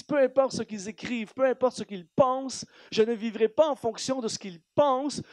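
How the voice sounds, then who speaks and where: In a church hall, a high-voiced guest preacher with a Canadian French accent delivers an animated, emphatic sermon, firing rhetorical questions at his congregation. His voice is recorded close and dry, with little room sound.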